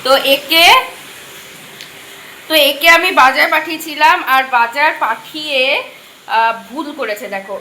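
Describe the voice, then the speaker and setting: A woman's voice: sits high, slight background noise. Chatty young woman vlogging at home. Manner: chatty, talks straight to viewers, softly at times. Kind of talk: casual cooking vlog chat. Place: home balcony and kitchen.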